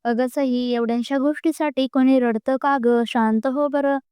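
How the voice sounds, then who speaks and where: A kind middle-aged father, calm and reassuring, voiced in a high, smooth tone by a woman reading a story. Close, dry recording. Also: normal speed, no room sound, close to an everyday voice. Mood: concerned.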